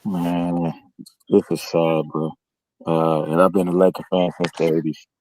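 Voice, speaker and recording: Muffled low-voiced middle-aged man on a call. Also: little pitch movement, measured pace, darkish tone, no echo. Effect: muffled, as if heard through a wall. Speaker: caller on a sports talk stream. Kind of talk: casual sports chat.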